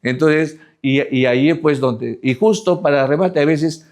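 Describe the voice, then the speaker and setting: A man's voice: fairly high pitch, darkish tone. Spanish-speaking male pastor preaching conversationally. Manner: conversational preaching, constant "¿no?" tags, slowed emphatic scripture reading. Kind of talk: sermon.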